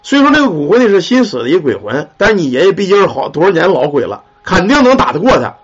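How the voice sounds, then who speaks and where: Guy telling ghost stories, high husky voice, earthy, dull lo-fi audio. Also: quick pace. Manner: earthy, swearing, animated. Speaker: storyteller. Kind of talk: colloquial ghost story narration. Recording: dull lo-fi recording.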